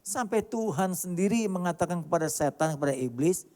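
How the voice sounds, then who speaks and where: A male pastor preaching a sermon emphatically, with many rhetorical questions and sharp swings between loud and quiet delivery. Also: sits high, animated, a little fast. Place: large church hall. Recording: church hall reverb.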